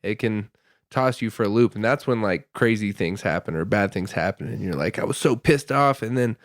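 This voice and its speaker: A man co-hosting a podcast in casual chat, agreeable and relaxed, often trailing off softly at the ends of his thoughts. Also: lowish voice, brisk, no room sound, studio quality. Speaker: podcast co-host. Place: podcast studio.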